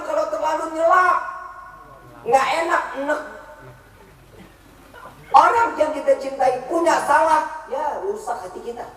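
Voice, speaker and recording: Joking preacher man, lively pitch, echoey. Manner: joking, questions the crowd often. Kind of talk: humorous religious sermon. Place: large religious gathering. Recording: echoey hall, voice from far off.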